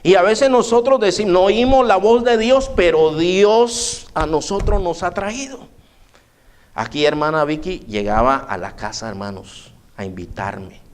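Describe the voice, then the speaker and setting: A man's voice: sits high, measured pace, a little hiss or hum. A pastor preaching an evening sermon in church, emphatic and often calling out to his brothers. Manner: emphatic, keeps addressing listeners as brother.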